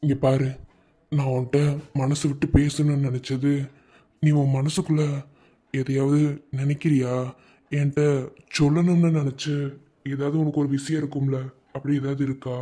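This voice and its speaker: A husky, mellow voice of a steady, loving young army husband in a cartoon, voiced by a man. He speaks Madurai Tamil at a middle pitch, gently coaxing and reassuring. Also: normal speed, long pauses, close to an everyday voice. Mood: tender. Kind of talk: cartoon voice acting.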